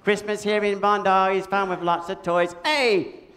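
A man's voice: high voice, level tone, unhurried, fairly bright tone. A man voicing Big Red, a cheeky, toy-mad children's puppet with an Australian accent, in a church puppet show. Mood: cheeky confused. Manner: bouncy, silly, easily confused, sings.

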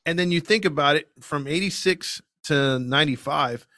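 A man's voice: a little high, moderate pace, bright, forceful tone, no room sound, studio quality. Man in his forties, chatting about baseball. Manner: reminiscing, conversational. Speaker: podcast co-host. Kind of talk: casual chat.

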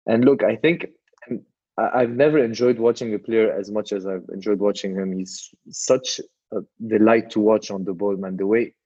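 A man co-hosting a casual football chat, relaxed, saying bro and man as he lays out his points. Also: fairly low pitch, moderate pace, dull audio. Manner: relaxed, says "bro" and "man", builds his case in plain steps. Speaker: podcast co-host.

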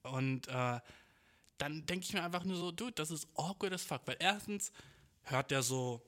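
Young male podcaster, slightly high voice, rambling street-slang monologue full of swearing. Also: moderate pace, fairly bright tone. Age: 20s. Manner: loose and rambling, swears often, mixes in English slang. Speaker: podcast host and amateur musician.

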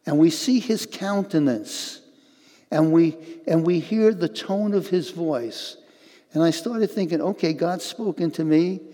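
An older man preaching a sermon as pastor, earnest and halting, often repeating words as he goes. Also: on the high side, mellow, big-room sound.

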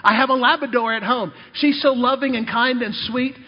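The voice is extremely high and fairly even in intonation, with a breathy edge and a moderate pace. It belongs to a male preacher and missionary who tells amusing personal anecdotes in his sermon and addresses the congregation directly, recorded lo-fi and dull in an echoing hall.

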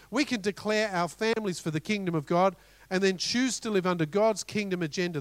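A middle-aged Australian man preaching a sermon as pastor, animated, with rhetorical questions and storytelling asides. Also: high-pitched, no room sound.

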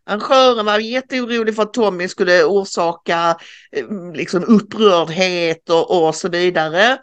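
A woman co-hosts a casual podcast commenting on the news, speaking in a low, clear, resonant voice. She recounts events hesitantly, with frequent fillers.

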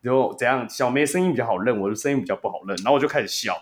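Male podcast host, Taiwanese Mandarin accent, animated and quick to laugh, average pitch. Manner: laughs often, animated storyteller. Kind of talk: casual sports podcast chat.

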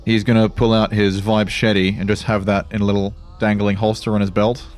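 A man's voice: fairly low pitch, little pitch movement, brisk, darkish tone. A man playing in a tabletop game, describing his character's gear in a matter-of-fact way. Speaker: player. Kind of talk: casual tabletop play.

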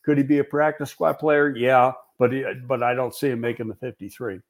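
A man of mid-range pitch talks football as a show host. He weighs players and contracts frankly, in a loose conversational way with frequent restarts. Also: fairly even intonation, fairly quick. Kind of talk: casual football podcast talk.

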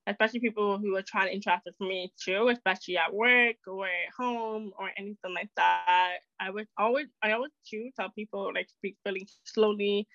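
A woman guest talking fast in a casual interview, lively and quick to laugh. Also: mid-range voice, no room sound. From an island. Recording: dull, dry lo-fi sound.

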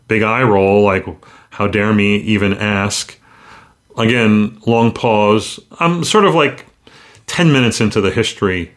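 A man, a physician hosting a short medical show, talking through cases in a halting, conversational way with frequent pauses. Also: fairly low pitch, fairly bright tone. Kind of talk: casual clinical talk.

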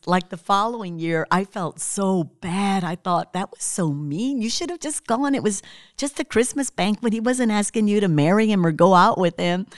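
A woman's voice: lowish voice, dry recording, clean studio sound. Laughing older woman telling stories. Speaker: interviewee. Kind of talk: storytelling interview.

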